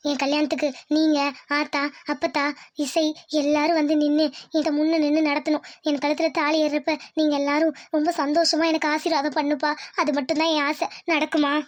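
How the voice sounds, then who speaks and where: A woman voicing an emotional young village bride in a cartoon. Her very high voice pleads tearfully with her father. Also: little pitch movement, brisk, close to an everyday voice. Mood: tearful pleading. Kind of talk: cartoon voice acting.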